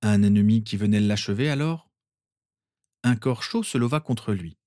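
A man reading fan fiction aloud in a calm, expressive narration. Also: lowish voice, normal speed, no room sound, clean studio sound. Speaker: reader.

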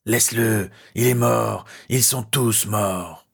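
A man voicing the cursed spirit of an amulet in an audiobook, hissing, slow and insistent as it tempts its wearer. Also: lowish voice, gravelly, husky, full character voice. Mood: menacing. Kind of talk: audiobook character voice.

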